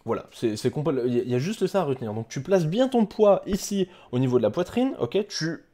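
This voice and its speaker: A man's voice: on the high side, very animated, fairly quick, dark tone. A man, a fitness coach explaining an exercise casually to the viewer, with many fillers and restarts.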